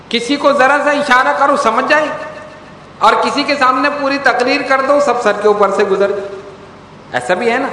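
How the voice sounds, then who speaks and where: A man delivering a storytelling sermon, acting out quoted dialogue with lively emphasis. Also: extremely high pitch, slight background noise. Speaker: religious preacher. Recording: echoey hall with long reverb.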